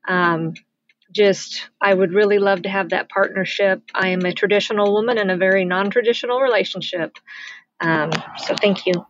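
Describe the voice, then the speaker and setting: A woman in her forties leaving a voicemail question, stressed and hesitant, pausing with ums. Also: mid-range voice, fairly even intonation. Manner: hesitant, halting, with many ums. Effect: played voicemail message. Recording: dull lo-fi voicemail with faint noise and clicks.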